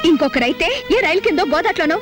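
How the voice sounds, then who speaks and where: High quick-talking young woman, sharp-tongued, bossy retorts, film music behind. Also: lively intonation. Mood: scolding. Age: young adult. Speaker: unmarried young heroine. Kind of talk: Telugu film melodrama.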